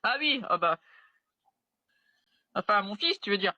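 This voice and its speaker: A woman speaks as an interview guest, telling her story in a halting way and voicing what others said. Her voice is bright and forward. The sound is close and dry. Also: medium pitch, animated, dry recording, dull audio. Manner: halting, retelling with quoted dialogue. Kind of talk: personal testimony in conversation.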